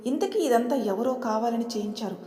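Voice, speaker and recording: A woman's voice: on the high side, lively intonation, brisk, warm tone, close to an everyday voice. A woman voicing a naive, clumsy young office worker who fusses and doubts aloud. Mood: plaintive. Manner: plaintive and doubting. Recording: roomy with long reverb.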